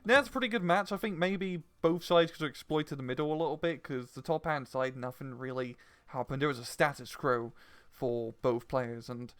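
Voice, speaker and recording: A man co-casting a strategy game replay, giving relaxed analytical commentary with many fillers. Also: mid-range voice, normal speed, clean tone. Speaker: game caster.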